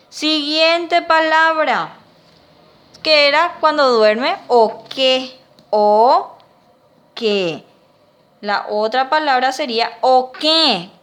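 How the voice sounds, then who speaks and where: In a high, fairly bright voice, a teacher with a Paraguayan Spanish accent patiently sounds out dictated words syllable by syllable for her class.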